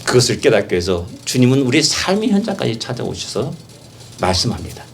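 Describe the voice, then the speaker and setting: A male pastor preaching a sermon, emphatic, with rhetorical questions and repeated phrases, swinging from soft passages to loud exhortation. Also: medium pitch, sing-song, brisk, gravelly, a little hiss or hum.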